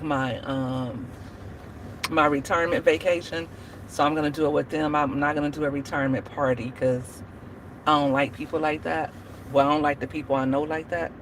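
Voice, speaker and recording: Chatting on a livestream, this forties-aged host laughs a lot and speaks to her viewers by name. She sits low in pitch, and the low-quality audio has a bit of background noise.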